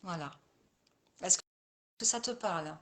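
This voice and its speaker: A woman's voice: on the low side, measured pace, a bit bright. A woman coach and therapist talking casually with viewers in a live session, speaking to them by name and often circling back over the same phrases.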